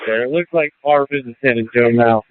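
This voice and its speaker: Brisk and medium-pitched, this man is a security post officer reporting in clipped, matter-of-fact dispatch traffic. The sound is a tinny, dry two-way radio transmission.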